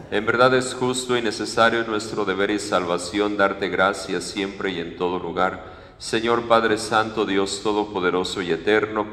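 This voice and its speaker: A male priest leading Mass at the altar, reciting prayers in a measured, solemn way. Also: on the low side, fairly bright tone, slight background noise. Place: large church sanctuary, at the altar. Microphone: far fixed camera, room mic. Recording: echoey church with long reverb.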